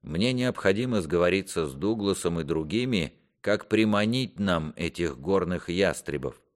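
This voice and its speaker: A man voicing an ambitious, scheming duke who speaks in measured, courtly phrases. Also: deep voice, expressive. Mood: calculating. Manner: measured, smooth courtly speech. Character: scheming ambitious middle-aged male duke.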